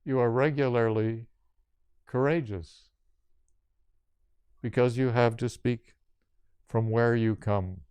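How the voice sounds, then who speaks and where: Older male yoga teacher giving a spiritual talk; slow, measured phrasing in short lists, crisp voice. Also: medium pitch, fairly even intonation, darkish tone, no echo.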